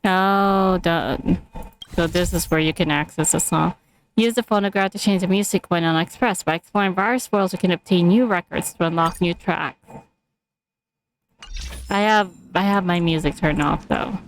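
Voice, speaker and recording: A woman's voice: fairly low pitch, normal speed, slight background noise, low-quality recording. A woman giving casual, chatty gameplay commentary, giggling and thinking aloud as she plays. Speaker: game streamer.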